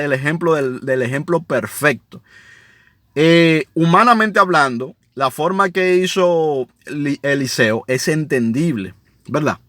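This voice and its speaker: A man's voice: fairly high pitch, fairly bright tone, dry recording. A man giving a Bible study, reading scripture aloud and commenting on it in a conversational way, often checking in with his listeners. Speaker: Bible teacher.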